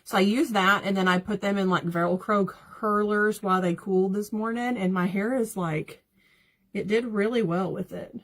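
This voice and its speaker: A woman's voice: mid-range voice, steady tone, normal speed. Chatty woman on a makeup livestream. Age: 30s. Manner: chatty, rambling, laughs often, reads out viewer comments. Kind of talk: casual livestream chat while doing makeup.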